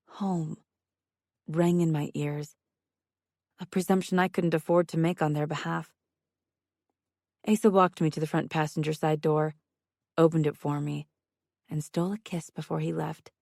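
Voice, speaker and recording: A woman narrating a first-person audiobook with measured, intimate storytelling. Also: sits low, flat delivery, vocal fry, darkish tone, no echo, clean studio sound.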